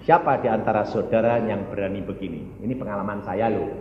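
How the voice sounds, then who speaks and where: A man preaching a sermon to a congregation, putting question after question to them and swinging between loud calls and soft asides. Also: fairly low pitch, fast talker. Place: church hall. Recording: roomy hall echo, dull lo-fi sound, faint hum.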